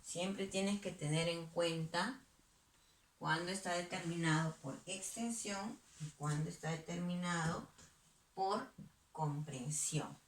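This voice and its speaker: A woman's voice: fairly low pitch, slow pace, roomy sound, a little hiss or hum. A woman teacher giving a virtual math lesson to young pupils, patiently asking and answering her own questions. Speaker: primary school teacher.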